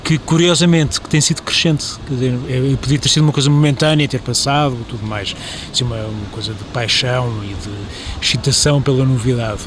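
A man's voice: medium pitch, steady tone, brisk, background noise. A man in his forties, an artist, talking in an interview and searching for words as he goes. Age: 40s. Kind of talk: interview talk.

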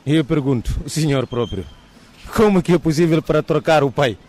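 A man's voice: fairly high pitch, a little fast, darkish tone. A man, arguing his point insistently to a reporter in a street interview. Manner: insistent, argumentative. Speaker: market passer-by.

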